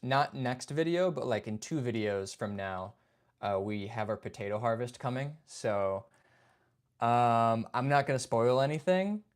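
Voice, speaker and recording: In a smooth, mid-range voice at a measured pace, a young man hosts a relaxed livestream chat. He goes through viewer comments, says hi to people by name and keeps dropping "man" and "dude" in his easygoing, talkative way.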